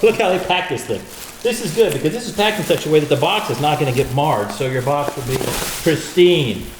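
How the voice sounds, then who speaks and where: A man's voice: on the high side, lively intonation, a little fast. A chatty man from the United States hosting a casual unboxing, exclamatory and wisecracking, recorded in stereo in a reverberant room. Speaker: host and gear reviewer. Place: untreated echoey room indoors. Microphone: stereo pair of studio microphones. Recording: big echoey room, clear reverb, faint noise.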